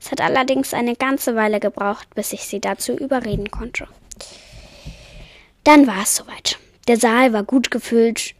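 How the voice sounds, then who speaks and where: A woman reading a children's story aloud with calm, soft-spoken narration. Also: fairly high pitch, normal speed, no room sound. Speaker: podcast storyteller.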